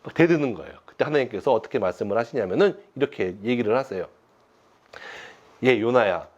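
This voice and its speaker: A pastor in his thirties tells a children's sermon from his home, with a bouncing, lively pitch that rises and falls as he tells the story. The recording sounds a little dull and lo-fi. He speaks to the children in a playful, animated way. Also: very fast.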